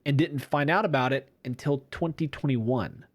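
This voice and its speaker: A man's voice: medium pitch, normal speed, no echo. A man hosting a casual podcast, joking around and reading news articles aloud with a playful, wry manner. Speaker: podcast host editing his show. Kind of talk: casual podcast chat and editing commentary.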